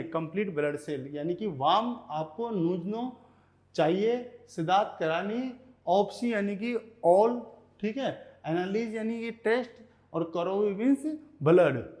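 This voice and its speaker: A man teaching Russian vocabulary in Hindi, repeating each word slowly and checking in with "okay" as he goes. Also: sits high, a little mellow. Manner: repeats words slowly, often says "ठीक है". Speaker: language teacher.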